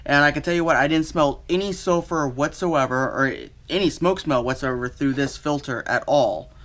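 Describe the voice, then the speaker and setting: Higher-pitched man reviewing gear. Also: normal speed, fairly bright tone. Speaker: product reviewer. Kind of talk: casual gear review, unscripted.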